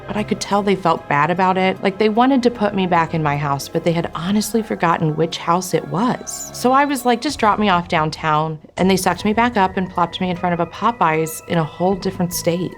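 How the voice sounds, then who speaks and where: Low-voiced woman, dry and matter-of-fact. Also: fairly quick, few pauses, faint music behind. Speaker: interviewee. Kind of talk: mock testimonial.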